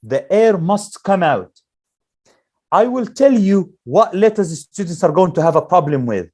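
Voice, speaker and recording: A male Quran teacher leading a classroom lesson, slowly drilling letter sounds and asking the class questions. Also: high-pitched, very animated, a little mellow, breathy edge.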